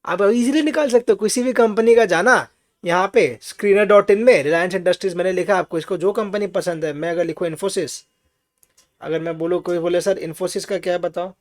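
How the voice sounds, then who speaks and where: A man's voice: sits high, moderate pace. A man teaching finance in an online class lecture. He explains patiently, asks rhetorical questions, checks on his students and mixes English phrases into his talk.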